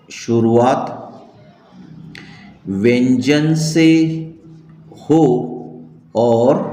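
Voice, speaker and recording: A male English teacher giving a classroom grammar lesson, dictating rules slowly word by word and asking his students rhetorical questions. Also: on the high side. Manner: slow, drawn-out dictation with frequent rhetorical questions. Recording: echoey classroom with long reverb.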